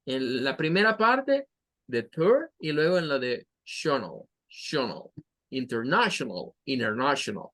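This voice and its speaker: A man's voice: on the high side, big pitch swings, takes it slowly, a bit bright. A male teacher giving an online class, patiently explaining English vowel sounds and repeating example words to model them.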